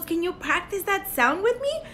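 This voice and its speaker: A woman giving a bilingual speech lesson to a small child, talking in slow, exaggerated, sing-song teacher talk with a dry throat. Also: very high voice, sing-song, a bit bright, slight background noise. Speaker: speech therapist.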